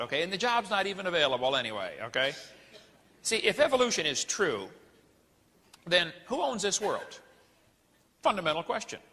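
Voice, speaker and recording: A man's voice: on the high side, sharp tone, husky, big-room sound. A middle-aged man giving a lecture-style sermon, preachy and folksy, firing off rhetorical questions. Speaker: creationist ministry speaker.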